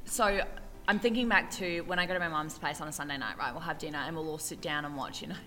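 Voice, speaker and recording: A young woman co-hosts a podcast in easy, wandering chat and laughs often. Her voice sits a little low but rings bright and forward. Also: fast, faint music behind. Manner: chatty, laughs often, rambling. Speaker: podcast co-host. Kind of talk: casual chat.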